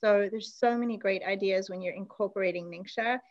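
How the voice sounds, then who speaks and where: A woman's voice: mid-range voice, fairly quick, dull audio. Woman, class host, video call, chatty, enthusiastic. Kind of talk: online class presentation.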